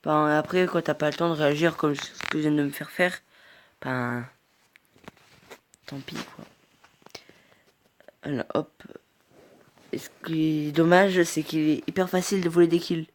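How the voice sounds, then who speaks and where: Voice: mid-range voice, fairly even intonation, unhurried, long pauses. A mobile game player giving casual gameplay commentary, rambling and hesitant, reacting aloud as the game goes on.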